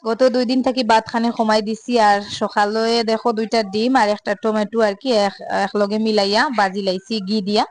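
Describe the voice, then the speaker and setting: A young woman with a Sylheti accent, chatting casually through her home vlog and filling pauses with little hesitation sounds. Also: a little high, flat delivery. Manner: chatty, mixes Sylheti and standard Bengali, many filler sounds. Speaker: home vlogger.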